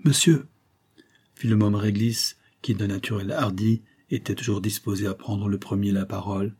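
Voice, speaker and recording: Low, husky male audiobook narrator. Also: moderate pace. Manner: expressive literary reading. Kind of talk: scripted narration.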